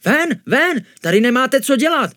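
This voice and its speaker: A man putting on a shrill, scolding tavern woman. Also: very animated, sharp tone, no room sound, studio quality, exaggerated voice. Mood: angry. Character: fussy female tavern keeper, shrill and shooing.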